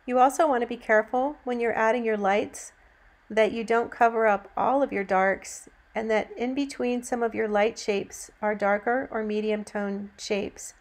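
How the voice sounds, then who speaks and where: A woman narrating a painting demonstration as an instructor, in a gentle, encouraging teaching manner. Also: a little high, fairly even intonation, moderate pace.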